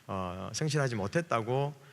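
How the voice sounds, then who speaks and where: Busan-accented pastor preaching in a reverberant hall. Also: male voice, mid-range voice, animated, moderate pace, gravelly, slight background noise. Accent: Gyeongsang Korean. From Busan, South Korea. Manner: chatty and joking, with many fillers. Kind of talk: sermon at a revival service. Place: church sanctuary. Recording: long hall reverb from church PA.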